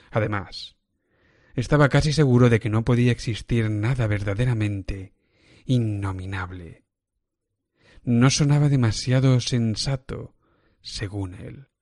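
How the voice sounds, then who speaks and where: A man with a somewhat low voice reads a horror tale as scripted narration. His delivery is measured and deliberate. The recording is dry and close, with no room sound. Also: a little mellow, no echo. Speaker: narrator reading a horror story.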